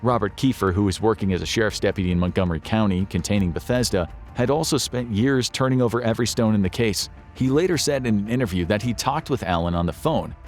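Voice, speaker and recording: A man with a lowish voice reads a scripted crime documentary narration. His delivery is steady and measured, and he builds tension with pointed questions. Faint music plays quietly underneath.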